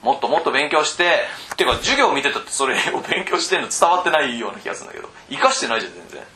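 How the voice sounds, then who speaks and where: A man trains cram school teachers in a loose, teasing lecture, prodding them bluntly. His pitch swings widely and his tone is bright. He keeps breaking off to check that his listeners follow. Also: very animated, rapid-fire, a little hiss or hum. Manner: keeps checking in with rhetorical asides.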